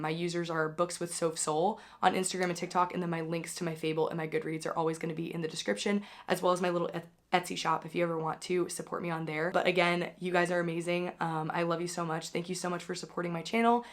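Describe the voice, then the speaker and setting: A young woman with a hoarse voice, still recovering from being sick, hosting a casual book wrap-up and chatting loosely with lots of filler words. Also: lowish voice, little pitch movement, fast, few pauses. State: hoarse, recovering from losing her voice. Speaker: book channel host. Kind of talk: casual reading wrap-up chat.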